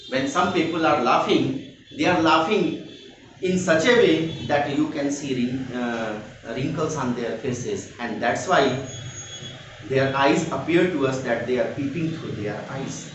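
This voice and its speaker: A man teaching a play, paraphrasing each line slowly and repeating himself, often checking with "okay". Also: mid-range voice, fairly bright tone. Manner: slow, repetitive paraphrasing, frequent "okay" checks. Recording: very echoey room, voice far from mic, faint noise.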